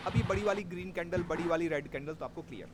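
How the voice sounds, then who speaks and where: A man's voice: on the high side, fast talker, background noise. A man teaching a live class on trading, explaining step by step and checking that his students follow. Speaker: stock market trading teacher.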